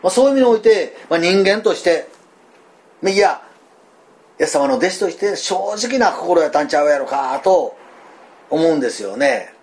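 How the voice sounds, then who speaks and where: Folksy Kansai-accented pastor preaching. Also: male voice, on the high side, normal speed, pauses often. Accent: Kansai (Osaka dialect). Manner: folksy, animated storytelling with many fillers. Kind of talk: sermon.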